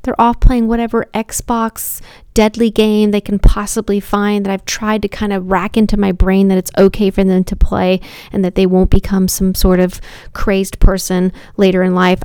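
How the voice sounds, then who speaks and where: A woman in her thirties or forties, a mother of four, telling a personal story in an animated, self-deprecating way and talking straight to the listener. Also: mid-range voice, normal speed, clean tone, no room sound.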